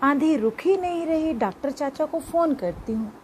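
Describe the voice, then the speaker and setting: A woman's voice: sits high, animated, moderate pace, darkish tone, a little hiss or hum. A woman playing a worried mother who scolds and tends her son in a children's story read aloud. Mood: concerned. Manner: scolding, caring.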